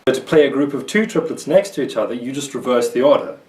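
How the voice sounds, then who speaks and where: A man's voice: mid-range voice, expressive, quick pace, recorded from a distance. A man teaching a guitar lesson, explaining patiently and methodically and counting out strokes as he demonstrates. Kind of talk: instructional video lesson. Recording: roomy sound, voice a bit off-mic. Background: guitar playing.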